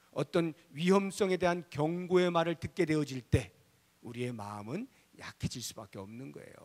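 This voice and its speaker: 큰 소리와 속삭임을 오가며 인용 대사를 연기하듯 설교하는 남성 목사. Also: male voice, high-pitched. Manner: dramatic, acts out quoted voices with big swings from loud to whispered. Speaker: pastor. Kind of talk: sermon. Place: church sanctuary. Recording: church hall with long reverb.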